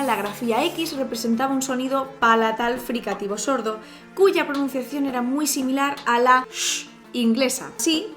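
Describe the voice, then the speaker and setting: A woman from Spain with a Peninsular Spanish accent, explaining language in a cheerful, expressive, chatty vlog style. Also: sits high. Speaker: language YouTuber. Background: background music.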